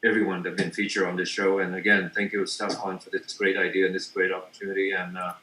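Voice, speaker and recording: A man wraps up his talk, hesitating often and filling his pauses with fillers. His voice is bright and a little low, and it sounds roomy, with faint background noise. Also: level tone. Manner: halting, many fillers. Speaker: artist presenter. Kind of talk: casual online presentation.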